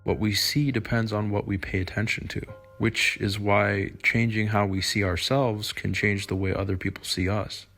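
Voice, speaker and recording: A man narrating scripted dating advice in a slick, confident, measured manner, as the host. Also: fairly low pitch, little pitch movement, vocal fry, fairly bright tone, faint music behind.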